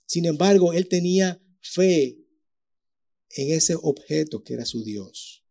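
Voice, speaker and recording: Man, preacher, animated storytelling, warm tone. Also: a little high, slow pace, gravelly. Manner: lively storytelling with acted-out voices and sound effects. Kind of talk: sermon.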